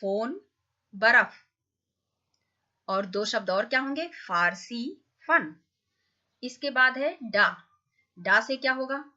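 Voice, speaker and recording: A woman's voice: a little high, bright, forceful tone, lo-fi sound. A woman teaching a Hindi lesson to young children, patiently asking questions and answering them herself.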